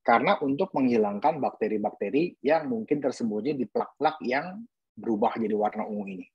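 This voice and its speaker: A man's voice: mid-range voice, a little fast, husky, dry recording, muffled recording. A man who is a pediatric dentist, giving an earnest webinar talk to parents and posing emphatic rhetorical questions.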